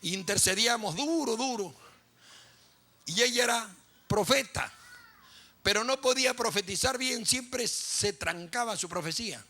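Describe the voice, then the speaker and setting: Bright-voiced pastor preaching. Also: male voice, high voice, animated, measured pace, pauses often. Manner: impassioned, repetitive preaching with vivid storytelling. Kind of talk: sermon.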